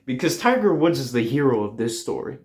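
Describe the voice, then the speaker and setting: A man hosting a podcast, telling a rambling comedic monologue in a deadpan way with lots of fillers. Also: medium pitch, fairly quick, gravelly. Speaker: podcast host.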